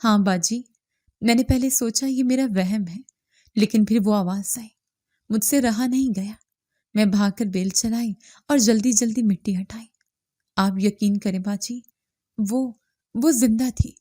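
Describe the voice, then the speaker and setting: A woman voicing a tender-hearted young daughter who speaks in a halting, hesitant way. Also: fairly high pitch, warm tone, no echo, clean studio sound, lightly acted. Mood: tearful.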